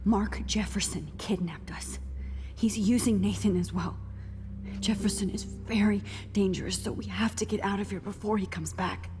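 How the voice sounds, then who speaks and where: A woman playing a determined young student held captive in a video game, speaking with hushed, breathy, protective urgency. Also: medium pitch, steady tone, moderate pace, over music, natural voice. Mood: urgent resolve. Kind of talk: dramatic video game acting.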